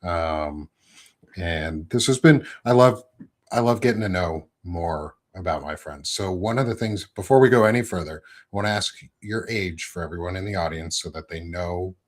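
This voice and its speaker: This low-voiced man in his thirties hosts a podcast at a normal pace, conducting a casual interview. He rambles, corrects himself often, and fills his speech with plenty of ums.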